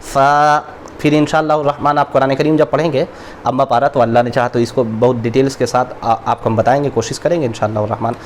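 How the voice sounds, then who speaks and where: A man teaching a recorded lesson on reading Quranic letters, who stretches out each letter name slowly and then explains at a quick, conversational pace. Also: medium pitch, steady tone, a little hiss or hum. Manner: slow drawn-out letter names between quick explanations.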